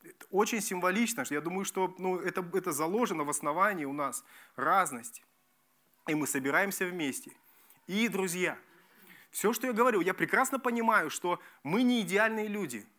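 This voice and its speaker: A man preaching a sermon as pastor, emphatic and lively, repeating key phrases and restarting words. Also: high-pitched, moderate pace. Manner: lively, emphatic preaching with repetitions and self-corrections.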